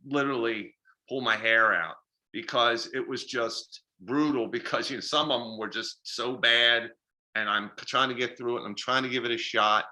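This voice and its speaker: A middle-aged man with a bright, forceful voice tells stories in a relaxed interview. He is animated and pokes fun at himself, and he slips into the voices of the people he quotes. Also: mid-range voice, normal speed. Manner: animated, self-deprecating, acts out quoted dialogue. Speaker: filmmaker and festival organizer. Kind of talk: casual interview storytelling.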